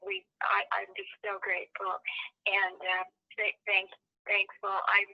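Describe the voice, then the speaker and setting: A woman in her seventies, a retired tenant plaintiff, speaking softly and steadily at a press conference over the phone. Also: mid-range voice, completely flat delivery, unhurried, vocal fry. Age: 70s. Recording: muffled phone line.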